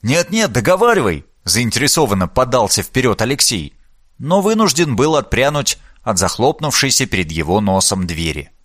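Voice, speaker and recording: Male audiobook narrator, theatrical and expressive, recorded dry and close. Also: medium pitch, normal speed, dry recording. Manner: animated, theatrical reading.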